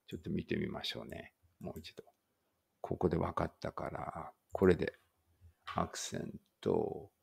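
A man's voice: sits low, creaky, slightly rough. A man teaching English vocabulary, reading words aloud and thinking aloud as he checks each one. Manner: thinks aloud while working through a word list. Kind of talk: vocabulary read-aloud lesson.

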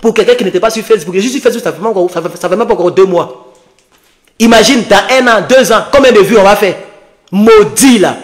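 A man's voice: high-pitched, fast talker. A man with an Ivorian French accent, taunting and scornful, ranting on a late-night livestream into his phone. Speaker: online political activist.

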